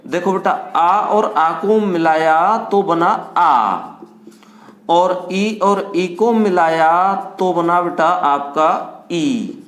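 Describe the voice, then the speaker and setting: High-voiced man teaching in an echoey room. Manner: asks the class questions and answers them himself, addresses students as beta; draws vowels out slowly to show their length. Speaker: Hindi grammar teacher. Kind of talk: classroom lecture. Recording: echoey classroom.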